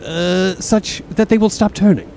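A man's voice: high voice, steady tone, unhurried, a little mellow, a little hiss or hum, voice pushed up. A man playing a pompous, foul-mouthed gang leader in a comedy drama, florid and domineering. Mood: coaxing, bossy.

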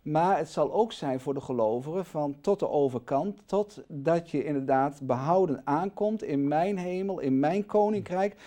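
A man with a fairly high voice teaches the Bible as a guest in a studio. His talk is animated: it sinks into quiet asides, then climbs to loud, emphatic stresses. The sound is a close studio microphone. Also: normal speed, few pauses. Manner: animated, swings between soft asides and loud emphatic peaks. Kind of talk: conversational Bible study.

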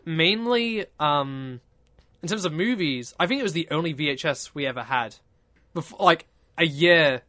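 A man's voice: a little high, fairly bright tone, no echo, clean studio sound. A young man rambling and joking in a casual podcast chat, swearing freely.

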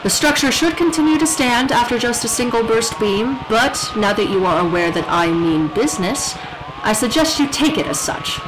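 A woman's voice: a little high, lively intonation, moderate pace, noisy background, natural voice. Strelitzia, as a woman plays her, a cool menacing rebel. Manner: grandiloquent and coolly menacing. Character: defiant woman rebel leader making threats in a broadcast. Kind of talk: audio drama acting.

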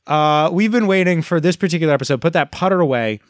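A man co-hosting a podcast in casual comedic chat, playful and quick to slip into silly voices, on a studio microphone. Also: a little high, dry recording. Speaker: podcast co-host.

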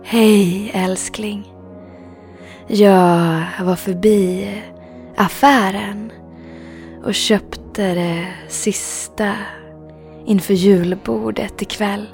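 A faintly gravelly, mid-pitched woman's voice, an actress playing the hero's loving partner in a video game. She speaks gently and chattily, with soft music behind her. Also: fairly even intonation, pauses often, natural voice. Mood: gentle. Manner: gentle, conversational.

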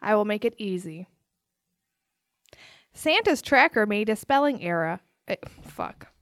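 A woman's voice: medium pitch, big pitch swings, a little slow, fairly bright tone, dry recording, clean studio sound. A woman co-hosting a podcast, telling stories and running a quiz game with lots of laughing. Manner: giggly, storytelling. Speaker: podcast co-host, game runner. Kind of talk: casual chat.

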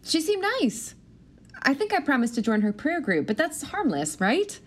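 An actress in her thirties voices a new teacher in a naturalistic audio play: earnest, anxious, and self-doubting, yet wry. She speaks high with wildly swooping pitch at a moderate pace.

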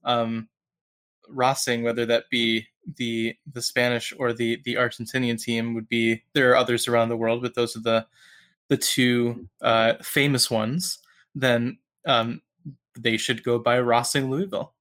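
A man's voice: medium pitch, level tone, a little slow, fairly bright tone. A young man co-hosting a casual sports podcast, easygoing and hesitant, with many fillers. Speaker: podcast co-host.

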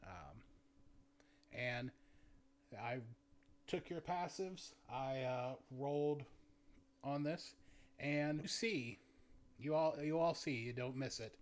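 A man narrating a tabletop game as game master, describing scenes in a halting, searching way. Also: medium pitch, expressive.

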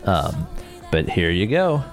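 A man's voice: low-pitched, sing-song, takes it slowly, faint music behind. A man co-hosting a casual chat, reacting wryly with swooping exclamations. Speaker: podcast co-host.

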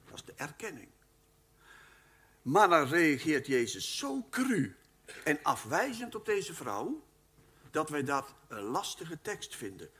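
A man giving a Bible teaching lecture at a live event, speaking in an animated, emphatic way and addressing his listeners formally. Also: fairly high pitch, takes it slowly, pauses often, breathy edge. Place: live talk at a weekend event.

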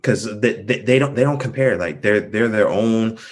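A man co-hosting a casual podcast, ranting animatedly and often asking whether the others follow him. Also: normal speed. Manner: animated, swinging from low to high. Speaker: podcast co-host.

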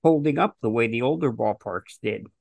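A male podcast host with a gravelly, creaky voice asks his guest direct, prepared questions. The recording is dry and close, with no room sound. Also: mid-range voice, moderate pace, a little mellow, no echo. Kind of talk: interview questions.

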